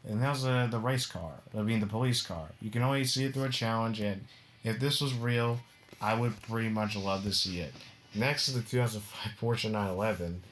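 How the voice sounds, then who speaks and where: Man, low voice, casual game commentary, rambling, giggly. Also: normal speed, a bit bright, a little hiss or hum. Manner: giggly, rambling, keeps breaking into laughter. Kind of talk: casual rundown of cars in a video game.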